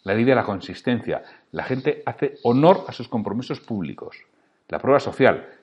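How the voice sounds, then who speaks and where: Lively, emphatic Spanish man coaching. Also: mid-range voice, husky. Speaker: podcast host on sales. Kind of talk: solo instructional podcast.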